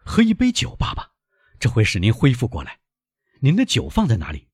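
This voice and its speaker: An earnest young sailor son, as a man reads him, speaks in a high, husky, pleading voice that leaps about in pitch. He is eager and devoted, pressing every line with emphasis in an audiobook reading. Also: huge pitch swings, brisk, a little mellow, dry recording, clean studio sound.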